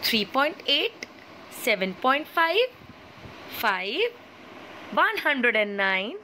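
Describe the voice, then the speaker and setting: Lively high-voiced woman teaching maths. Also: slight background noise, rough recording. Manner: asks questions and answers them herself; slow, clear explaining with many checks like "okay?". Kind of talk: classroom lesson.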